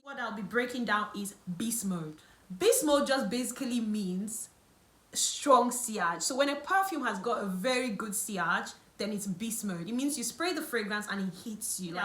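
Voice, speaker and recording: This beauty and lifestyle vlogger, a non-native English speaker, has a medium-pitched, slightly bright voice. Talking to camera, she explains things chattily and keeps self-correcting. Her room echoes, and some music plays faintly behind her.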